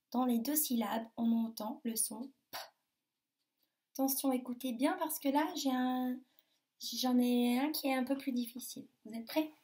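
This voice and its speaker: A woman teaching a phonics lesson to young children, sounding out words slowly with over-articulated, emphatic syllables. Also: fairly high pitch, warm tone.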